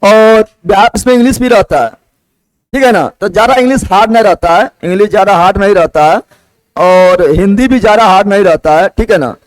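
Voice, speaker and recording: Heard in a dry, rough recording, a man with a high voice talks at a quick pace while teaching a class. In this classroom lecture he drills his students, repeating the same question again and again before answering it himself.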